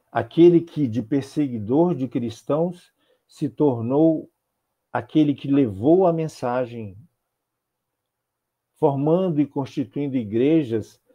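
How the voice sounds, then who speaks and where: Speaking through a small earphone mic from a home office, an older man with a Brazilian Portuguese accent lectures on spiritism in a video call. His medium-pitched voice is warm and mellow. His religious talk moves in steady, rhythmic phrasing, with clause after repeated clause.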